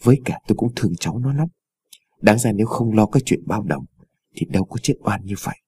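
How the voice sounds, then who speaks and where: A man voicing a doubtful villager in a ghost story, speaking low and muttering. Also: animated, fast, darkish tone, husky. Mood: gloomy. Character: gloomy male villager, doubtful. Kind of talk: storytelling voice acting.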